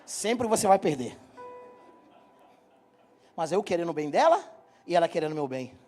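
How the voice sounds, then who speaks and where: A middle-aged man from Brazil delivers a sermon as a running comic story, talking straight to the people in front of him. His voice sits high for a man. Soft music plays faintly behind him in the church. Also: normal speed. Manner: joking, animated storyteller, talks straight to the congregation. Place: church hall.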